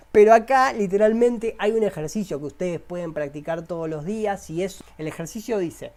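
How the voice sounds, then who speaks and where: A man's voice: a little high, a little mellow. A man with a Rioplatense Spanish accent, a self-help coach leading a guided inner-voice exercise, repeating prompts and coaxing listeners directly.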